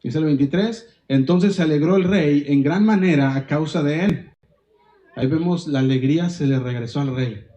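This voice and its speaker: A man's voice: on the high side, dark tone, poor audio. A male pastor preaching a sermon, reading scripture aloud and stopping to quiz the congregation with questions.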